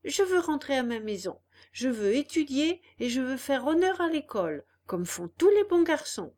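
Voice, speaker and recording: Storybook figure: insistent, headstrong puppet boy, bright and high, as a woman narrator puts him on. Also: big pitch swings, normal speed. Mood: stubborn.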